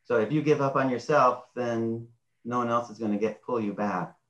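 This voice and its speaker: A man's voice: mid-range voice, normal speed, a bit bright. Plain-spoken man, roomy dull sound. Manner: direct, plain-spoken advice. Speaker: panelist. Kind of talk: video call panel discussion. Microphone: video call. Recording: roomy, dull video call audio.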